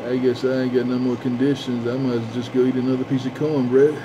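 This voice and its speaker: Through a hissing, dull lo-fi CB transmission, a man chats on the radio, repeating call-outs and drawling out his sign-offs. He speaks a little fast at medium pitch with a flat delivery.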